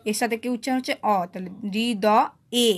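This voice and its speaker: A woman teacher giving a phonetics lesson, sounding words out slowly syllable by syllable, recorded on a phone she holds in one hand. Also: on the high side, a little hiss or hum. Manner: slow syllable-by-syllable pronunciation drills. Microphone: phone held in one hand.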